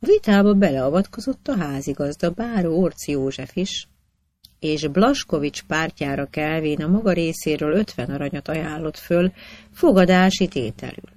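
A narrator reading historical anecdotes aloud with a measured storytelling cadence. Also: medium pitch, animated, a little mellow.

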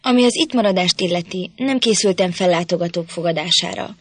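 A woman voicing a surly, gruff male farm master in a storybook reading, curt and blunt. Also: lowish voice, no room sound, close to an everyday voice.

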